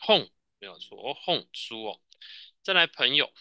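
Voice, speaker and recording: A man's voice: mid-range voice, big pitch swings, normal speed, sharp tone, no echo. A man with a Taiwanese Mandarin accent teaching a Japanese class, patiently drilling students and tagging sentences with "哦". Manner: patient, repeats answers, frequent "哦" tags.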